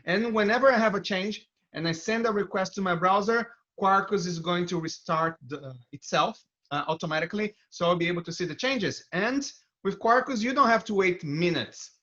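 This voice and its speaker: This man speaks in a high, bright, forceful voice at normal speed, with a Brazilian accent. Presenting as a developer advocate, he happily takes viewers through live coding in a technical talk. The video stream audio is dull and limited in bandwidth.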